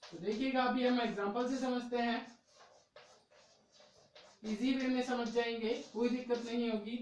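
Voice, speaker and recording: A man's voice: very high voice, fairly even intonation, measured pace, recorded from a distance, slight background noise. A man teaching an English grammar lesson in a patient, repetitive classroom manner, often adding little check-ins. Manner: patient, repetitive, ends phrases with "okay" and "brother". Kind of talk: classroom-style video lesson. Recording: very echoey room, voice from off mic.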